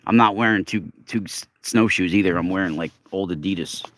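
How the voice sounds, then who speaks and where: A man's voice: low voice, a little fast, a bit bright. A man talking casually to his livestream viewers while walking outdoors, musing earnestly and stretching words for emphasis. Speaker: livestream host. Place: outdoors, walking in snow along a road.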